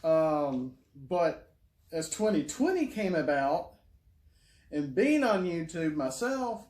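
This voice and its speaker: Man, middle-aged, casual rambling monologue, hesitant, fairly high-pitched, echoey room. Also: sing-song, takes it slowly, a little mellow. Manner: rambling, hesitant, many fillers and restarts. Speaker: YouTuber.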